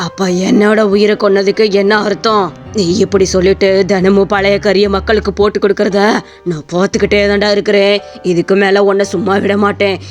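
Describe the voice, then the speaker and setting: A woman's voice: mid-range voice, level tone, a little fast, faint music behind, natural voice. A woman voicing an old male grandfather ghost in a cartoon story, scolding and threatening. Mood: menacing.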